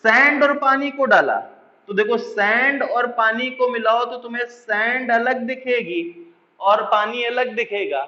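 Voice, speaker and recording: A man with a high voice teaches chemistry, stopping again and again to check that his students follow and slowing right down to dictate key lines. The sound is dull and lo-fi. It rings with a long echo, as if recorded in a bare classroom. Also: sharp tone. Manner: keeps checking understanding with repeated questions; mixes in English phrases, slows to dictate definitions. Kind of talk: classroom lecture.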